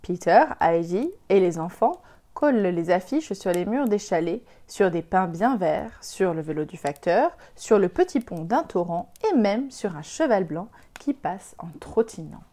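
Woman reading a kids story out loud, gentle clear storyteller, warm mellow voice. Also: on the low side, animated, a little slow. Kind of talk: children's story read aloud.

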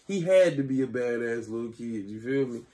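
Young man, casual reaction host, slangy, excitable, mid-pitched voice. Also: fairly quick. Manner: slangy, excitable, keeps asking "you feel me".

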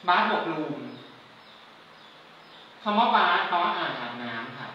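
A woman from Thailand teaching an English lesson, patiently explaining words and slowly spelling them out. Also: fairly low pitch, expressive, highs cut off, slight background noise. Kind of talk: classroom lesson. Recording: echoey room, mic at a distance.

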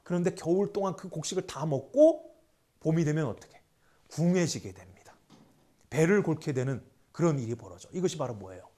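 A man's voice: on the high side, animated, a little fast, warm tone. A man giving a history lecture, asking his students rhetorical questions and mixing polite and casual speech. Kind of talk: lively classroom lecture.

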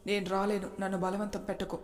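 A woman's voice: medium pitch, little pitch movement, fast talker, lightly acted. A woman voicing a cold, resentful young husband who speaks curtly and dismissively, with a long reverb. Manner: curt and dismissive.

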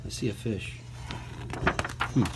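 Reading a kids' picture book the way a teacher would, a man pauses for casual side comments and questions to the little ones listening. There's a slight hiss or hum on the recording.

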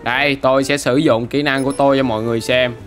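A man doing excitable gameplay commentary, throwing in English exclamations. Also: mid-range voice, fast talker, over loud music. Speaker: gaming YouTuber.

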